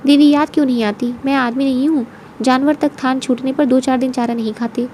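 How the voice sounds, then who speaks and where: A woman's voice: high voice, steady tone, brisk, a little hiss or hum, lightly acted. Woman voicing a proud, firm housewife. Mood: kindly. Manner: firm, sharp when insulted. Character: proud housewife, kind but quick-tempered.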